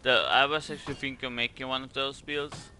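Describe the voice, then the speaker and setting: A man's voice: mid-range voice, fairly even intonation, fairly quick, bright, forceful tone, a little hiss or hum. A man from Sweden with a Swedish accent gives casual game commentary in a hesitant, rambling way, repeating words as he goes. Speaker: gaming video creator.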